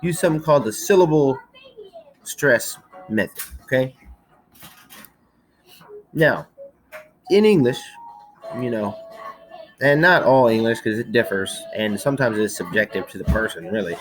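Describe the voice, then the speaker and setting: A woman's voice: extremely low pitch, lively intonation, a little slow, long pauses, soft background music, rough recording. A woman teacher giving a recorded slideshow lecture in a chatty manner, checking in often with "okay".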